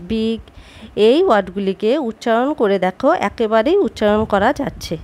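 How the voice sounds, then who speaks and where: A woman teaching a basic English lesson, explaining slowly and clearly and stressing each example word. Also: medium pitch, a little mellow. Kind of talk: scripted lesson narration.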